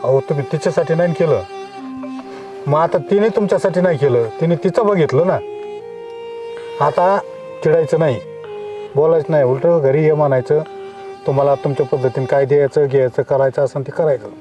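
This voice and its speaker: A calm village elder, played by a man, giving advice in a consoling way. His voice sits a little high. Faint music runs underneath. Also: a little fast, pauses often, natural voice. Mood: advising. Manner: advising, consoling.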